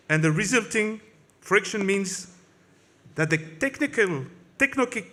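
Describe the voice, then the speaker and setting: Sharp in tone and pitched on the high side, this man speaks English with a French accent, his first language being French. At a conference he makes an impassioned political speech, frequently stumbling and starting over.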